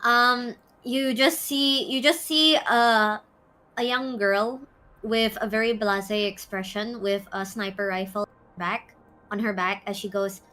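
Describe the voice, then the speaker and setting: Bright-voiced, giggly woman player. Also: mid-range voice, fairly even intonation, measured pace. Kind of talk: narrating her character's actions.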